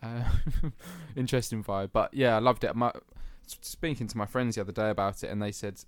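A man's voice: lowish voice, fairly even intonation, fairly quick, no echo. A young man from England, chatting casually on a podcast, laughing easily and using plenty of fillers. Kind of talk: casual chat.

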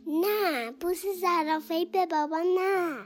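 A woman voicing a stubborn little bear cub who pouts and flatly refuses at bedtime, in a storybook reading. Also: extremely high pitch, faint music behind, pitched above the performer's own voice. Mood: stubborn refusal.

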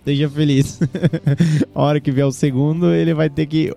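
A Brazilian man talking casually as a podcast guest, telling animated, slangy stories. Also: on the high side, normal speed, gravelly, soft background music. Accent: Brazilian Portuguese. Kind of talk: casual chat.

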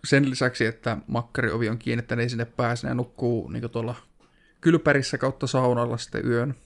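A man in casual conversation, speaking in a quiet, low-key way. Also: little pitch movement, creaky. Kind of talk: casual chat.

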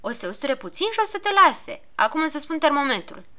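A woman's voice: sits high, very animated, sharp tone, pitched above the performer's own voice, exaggerated voice. A woman voicing a fussy, grumbling male gnome doctor who coaxes and scolds in a storybook reading. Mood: fussing. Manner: soothing then scolding, fussy.

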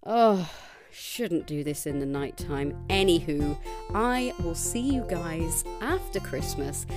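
Over music, a woman with a fairly low, animated voice talks slowly while hosting a casual solo podcast late at night, reading out listener challenges. She's chatty and self-deprecating, and she sounds a little tired.

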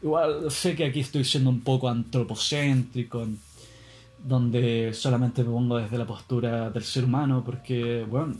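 A man's voice: mid-range voice, steady tone, moderate pace, a little mellow. A man in a casual monologue, rambling and musing with plenty of swearing.

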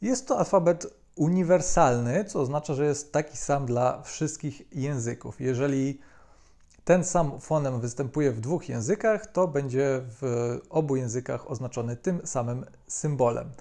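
A man calmly explaining a language topic as a video lesson, with frequent hesitation fillers. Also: mid-range voice, unhurried. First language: Polish. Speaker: language teacher.

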